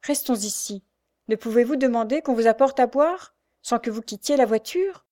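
A woman voicing a timid young female prisoner who speaks softly and pleads, reading a storybook. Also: mid-range voice, slow, natural voice. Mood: pleading. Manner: soft, quiet, pleading.

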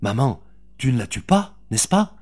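A man's voice: mid-range voice, very animated, normal speed, darkish tone. A man reading an audiobook, voicing a frightened, loving young boy in a raised, pleading voice. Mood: tender.

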